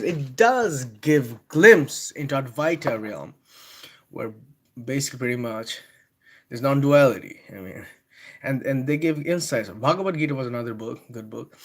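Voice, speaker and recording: Hosting a laid-back book talk on a livestream, this man from Bangladesh speaks at medium pitch with a breathy edge and a Bengali accent. His commentary wanders, irreverent and broken up by laughter, and he reads excerpts in a louder, declaiming voice.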